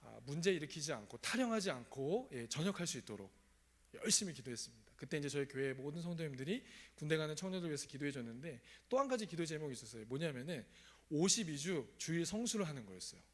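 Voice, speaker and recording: Korean church pastor preaching conversationally. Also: male voice, on the high side, very animated, quick pace. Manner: asks the congregation questions, conversational. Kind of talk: sermon with personal testimony. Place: church sanctuary.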